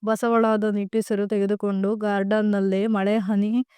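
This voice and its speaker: A woman narrating a family drama story in a gentle, even reading voice, with a few restarts. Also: mid-range voice, moderate pace, smooth, no echo.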